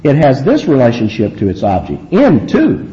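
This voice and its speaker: A mid-pitched man delivers an expository sermon, painting vivid scenes and driving home key words with emphatic rises. The recording sounds dull and slightly lo-fi, like an old church tape. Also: lively intonation, moderate pace, darkish tone, slight background noise. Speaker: preacher.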